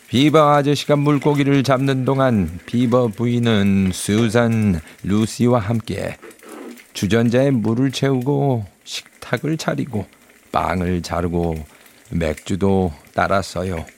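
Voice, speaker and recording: A man reads a storybook as its narrator. His voice is fairly low, with a clear creak at the edges. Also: lively intonation, takes it slowly, darkish tone, slight background noise.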